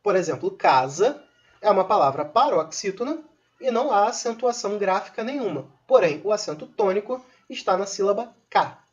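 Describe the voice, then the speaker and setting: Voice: mid-range voice, animated, normal speed. A teacher, patiently explaining a recorded grammar lesson with informal asides to viewers. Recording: dull lo-fi recording.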